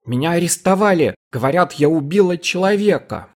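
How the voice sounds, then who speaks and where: A man voicing a panicked young woman under arrest who pleads in a shrill, frantic voice. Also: animated, brisk.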